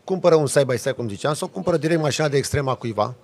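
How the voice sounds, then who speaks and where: A man, a podcast guest, telling a lively story in a casual chat with vivid sound effects. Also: mid-range voice. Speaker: podcast guest, off-road driver.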